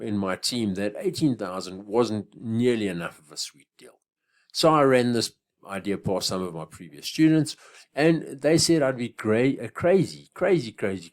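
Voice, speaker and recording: A man, a business coach delivering a scripted sales pitch that builds up to each price drop. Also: a little mellow. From Africa. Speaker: business coach selling an online course.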